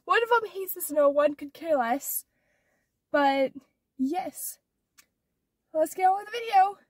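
Recorded from a distance with no room sound, a teenage girl with an extremely high, lively voice speaks slowly in a casual vlog chat from her car. Allergies have stuffed up her nose, and she rambles with lots of "like" and "or whatever."

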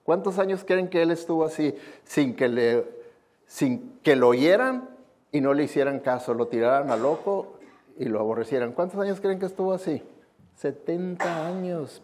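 A man's voice: medium pitch, darkish tone. Guy preaching, punchy and emphatic, keeps tossing questions at the crowd. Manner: emphatic, asks the congregation rhetorical questions; often adds a questioning "¿mm?". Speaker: pastor. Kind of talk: sermon.

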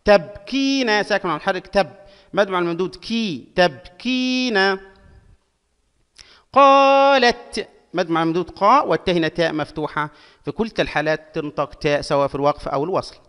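Man teaching syllables slowly, echoing hall. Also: on the high side, fairly even intonation, a bit bright. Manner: slow, drawn-out syllables for young pupils. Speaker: primary school Arabic teacher. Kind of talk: syllable-by-syllable reading lesson. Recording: long hall reverb.

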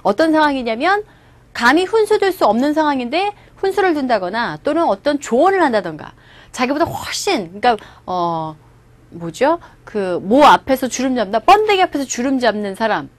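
Lively high-voiced woman teaching English. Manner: explains phrases, repeats them slowly and acts out the lines. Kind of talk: lecture on English through movie lines.

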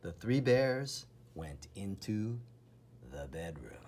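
A man with a low, husky and breathy voice reads from a children's storybook, dramatic, expressive and deliberate. Slight background noise can be heard.

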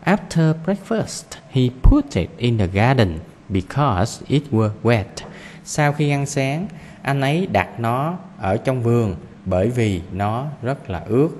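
A man with a Vietnamese accent teaching English to young learners, reading the text slowly and repeating words to drill pronunciation. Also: mid-range voice, animated, a little mellow, long reverb tail, slight background noise. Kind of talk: classroom reading lesson.

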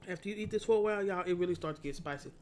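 A woman's voice: lowish voice, racing, darkish tone. A woman hosting a mukbang, chatting casually to her viewers and speaking while eating. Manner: chatty, addresses viewers as y'all. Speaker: mukbang host. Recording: noticeable background noise.

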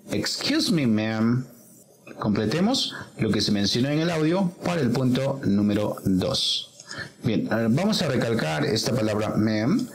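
Patient, slow-speaking male teacher. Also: on the low side, a little hiss or hum, rough recording. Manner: patient, step-by-step explaining. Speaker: English teacher. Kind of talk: explanatory online lesson.

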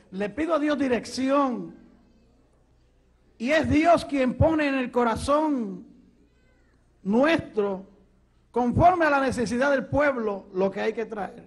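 A man in his thirties with a Puerto Rican accent, giving an animated testimony sermon in a church hall on a handheld mic. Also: very high voice. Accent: Puerto Rican Spanish. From Puerto Rico. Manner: animated, gesturing, storytelling. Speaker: preacher. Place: church hall stage at a pulpit.

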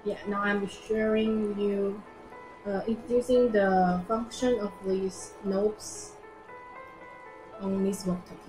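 Music and roomy echo surround a young woman presenting products live and informally in an indoor showroom. She has a mid-range voice with fairly even intonation and speaks simple, halting non-native English, often repeating phrases.

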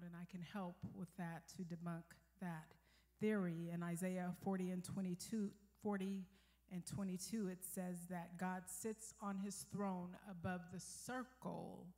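A woman's voice: fairly low pitch, flat delivery, measured pace, mellow. Older woman preaching with amens. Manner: call-and-response preaching with frequent amens. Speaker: guest preacher. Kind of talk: sermon. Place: church sanctuary.

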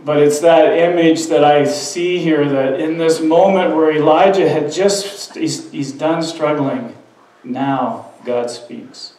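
A man's voice: on the high side, steady tone, slow pace, hardly any pauses, darkish tone. An earnest, conversational male pastor preaching in a church sanctuary. His voice rings through a very reverberant room, picked up from some distance away by the mic. He often trips and restarts mid-sentence as he talks. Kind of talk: sermon.

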